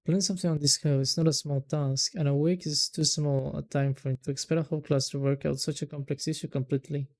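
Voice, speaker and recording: A man voicing a strict, bossy young female student council president in a visual novel, speaking in a sharp, scolding, deliberate way. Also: a little high, level tone, close to an everyday voice. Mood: stern.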